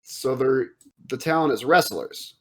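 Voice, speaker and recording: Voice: medium pitch, measured pace. A player speaking in character during a tabletop game, wide-eyed and bewildered.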